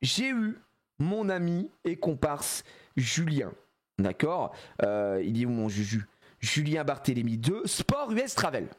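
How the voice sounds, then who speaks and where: Animated French-speaking man streaming to viewers. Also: a little high, a little slow. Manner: rambling, animated, jokey, many fillers. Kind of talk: casual live-stream chat with viewers.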